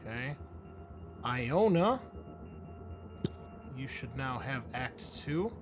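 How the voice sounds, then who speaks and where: Over background music, a man acts as game master for a tabletop roleplaying game, speaking to his players one after another in casual narration. His mid-range voice moves through big pitch swings at an extremely slow pace.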